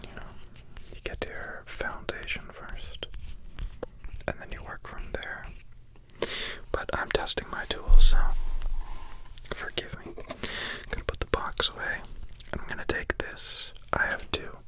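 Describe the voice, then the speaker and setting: Slow, whispered ASMR soap-carving commentary. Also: low-quality recording. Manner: unhurried, murmuring, repeats words softly.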